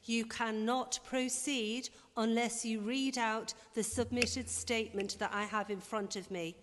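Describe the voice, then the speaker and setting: A woman's voice: a little high, steady tone, a little slow, background noise. A woman chairing a formal council meeting, speaking in a firm, stern and insistent way. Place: council chamber. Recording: reverberant chamber sound.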